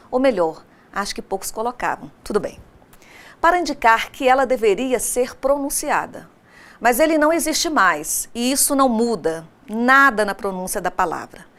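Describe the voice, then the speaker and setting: A woman teacher giving a recorded online grammar lesson, speaking straight to her students and slowing down to spell out example words. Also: a little high, a bit bright. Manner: didactic, addresses students directly.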